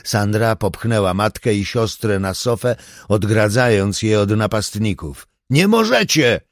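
Man reading a thriller audiobook, lowish voice, steady, dry close mic. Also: unhurried, no echo. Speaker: audiobook narrator. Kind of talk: scripted thriller narration.

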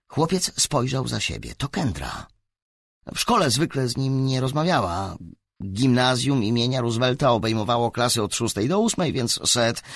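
Male storybook narrator, expressive, gravelly and husky, close studio mic. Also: dry recording. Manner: expressive, swinging pitch for action. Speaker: audiobook narrator. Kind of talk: scripted narration.

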